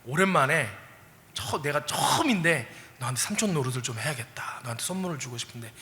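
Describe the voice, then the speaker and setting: A man voicing a rich, generous middle-aged uncle in a sermon story, talking in a booming, big-hearted way. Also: animated, brisk, bright, forceful tone, long reverb tail.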